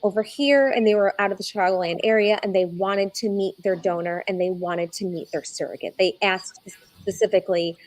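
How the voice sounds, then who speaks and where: A woman's voice: medium pitch, steady tone, dry recording, rough recording. Earnest woman telling her story. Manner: earnest and heartfelt, slows down when moved. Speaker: egg donor guest. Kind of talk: conversational interview.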